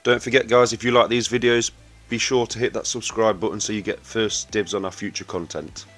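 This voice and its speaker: A lowish male voice walks viewers through each weld pass in a steady, instructive voice-over. Soft music plays quietly underneath. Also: brisk. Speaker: welding instructor. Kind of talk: voice-over tutorial narration.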